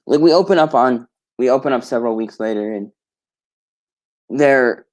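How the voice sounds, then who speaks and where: A man's voice: medium pitch, normal speed, darkish tone. A man streaming alone, retelling a story in a rambling casual way with many restarts and self-corrections. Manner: casual, swears offhandedly.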